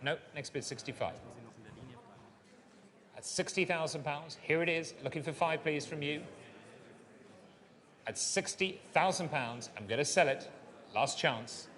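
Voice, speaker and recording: A man's voice: on the high side, unhurried, fairly bright tone. A man working as a fine art auctioneer, calling and repeating bids in polished, courteous patter in a large saleroom. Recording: long reverberant hall sound.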